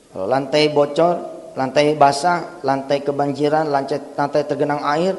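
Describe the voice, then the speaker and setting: A male preacher delivers a sermon in a fairly high voice. He moves between chanted verses and loose, slangy storytelling. A long reverb hangs in the big hall around him. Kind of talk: sermon with Quranic recitation.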